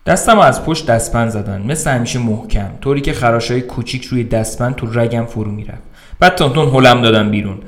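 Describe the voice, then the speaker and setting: A man narrating a first-person short story aloud for a podcast, in a wry, conversational telling. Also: medium pitch.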